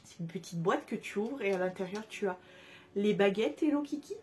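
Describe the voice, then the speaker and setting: There's background noise as this young haul vlogger chats through her purchases, full of fillers and restarts as she raves over cute items. Her mid-range voice is lively in intonation and a little quick.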